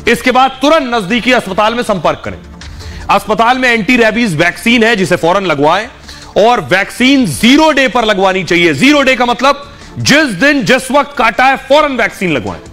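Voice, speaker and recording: A man presenting a news segment, explaining clearly and speaking straight to the viewers. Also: very high voice, big pitch swings, normal speed, bright, forceful tone, soft background music. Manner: clear explanatory delivery, addresses viewers directly. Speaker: news anchor.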